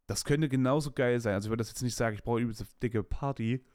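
Fast-talking at a medium pitch with a darkish tone, a late-twenties man hosts a podcast recorded in studio quality without any room sound. His casual personal monologue is candid and rambling, with frequent slang and restarts.

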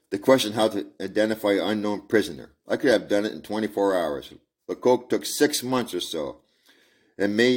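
A man's voice: on the low side, a little hiss or hum, close to an everyday voice. A man reading the lines of a conceited, brilliant male detective who lectures scornfully in a storybook reading.

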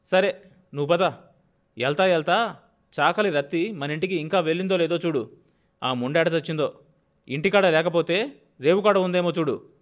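A man voicing a stern, bossy young farmer who shouts orders at his laborers in an audiobook. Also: fairly high pitch, moderate pace, long pauses, voice pushed up, natural voice. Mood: commanding. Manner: loud, commanding, scolding. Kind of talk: audiobook character voice.

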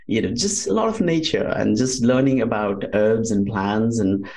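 A man from Nepal with a Nepali accent speaks as a podcast guest, an Ayurvedic doctor, telling personal stories conversationally. His fairly low, slightly mellow voice moves at normal speed, and he rambles, often saying "you know."

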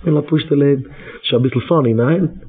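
A man's voice: mid-range voice, brisk, breathy edge, soft background music. Man preaching over a tinny line. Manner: repeats phrases over and over, exhorting. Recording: tinny phone-like radio recording.

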